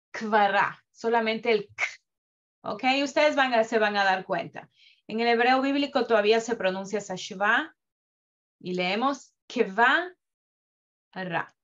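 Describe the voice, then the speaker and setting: A woman teaching Hebrew reading in a live class, slowly drawing out sounds to demonstrate them with patience. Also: a little high. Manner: patient, drawn-out demonstrative pronunciation. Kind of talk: slow online reading lesson. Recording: dull lo-fi audio.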